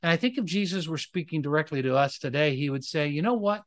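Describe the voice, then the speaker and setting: A man preaching a sermon as pastor, with emphatic rises and slowed, drawn-out phrases, mixing storytelling with teaching. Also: fairly high pitch, a bit bright, dry recording.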